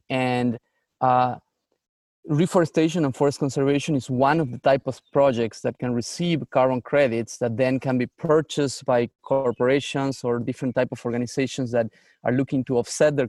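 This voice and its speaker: A man's voice: medium pitch, darkish tone, no echo, studio quality. A man from Argentina, a startup founder answering interview questions earnestly, with frequent fillers and restarts.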